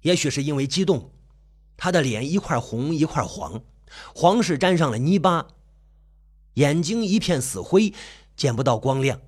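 Horror storyteller: husky man, fairly high pitch, lively melodic delivery. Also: normal speed, long pauses. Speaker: narrator. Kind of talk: scripted horror story narration.

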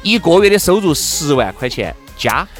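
A man's voice: a little high, big pitch swings, moderate pace, soft background music. A man with a Sichuan accent co-hosting a talk show, chatting casually and animatedly in colloquial dialect, with exclamations and emphatic repetition. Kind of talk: animated casual chat for listeners.

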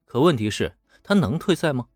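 With a breathy edge to his mid-range voice, a man briskly narrates a serial story in a chatty, animated, colloquial manner full of asides. The recording is dry and studio quality, and faint music plays behind him.

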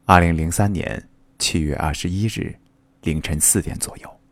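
Man, story reading, earnest, dramatic, very low pitch, dry close sound. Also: normal speed, dry recording. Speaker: reader. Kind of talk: reading a short story aloud.

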